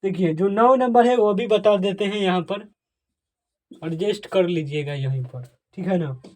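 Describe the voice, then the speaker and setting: At a normal pace, a man with a high voice teaches English pronunciation rules in a Hindi lesson. He repeatedly asks and answers his own questions, restates his points, addresses his audience as dear friends, and requests their comments.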